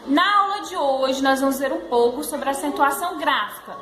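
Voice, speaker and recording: A woman's voice: sits high, moderate pace, music in the background. A woman teacher introducing the day's lesson and speaking directly to her students. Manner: friendly, addresses students directly. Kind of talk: class introduction. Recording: echoey room with background noise.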